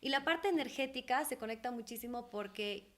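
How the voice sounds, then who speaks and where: Animated woman from Ecuador. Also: on the high side, fairly quick. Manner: animated, laughs often, acts out quoted voices. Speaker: guest, holistic therapist. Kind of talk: casual interview talk.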